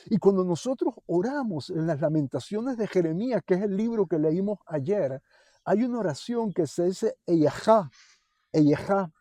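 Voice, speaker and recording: A man preaches on the weekly Torah portion with fervor, now and then stumbling over fillers and restarts. His voice sits somewhat high yet sounds mellow and warm. The recording is dry and close. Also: expressive, normal speed, no room sound. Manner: fervent, rising to pleading questions. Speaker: Bible teacher.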